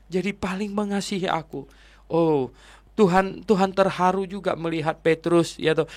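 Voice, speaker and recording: A man's voice: on the high side, no room sound. An older man preaching a Bible sermon to listeners, earnest, dropping in frequent "ya" and "nah" fillers. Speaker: pastor. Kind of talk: radio-style Bible sermon.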